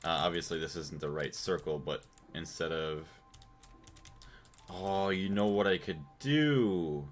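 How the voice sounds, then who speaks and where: A man's voice: sits low, a little slow, faint music behind. A man from the United States chatting casually on a gaming livestream, thinking aloud and thanking his chat. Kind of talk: casual live-stream chat while playing.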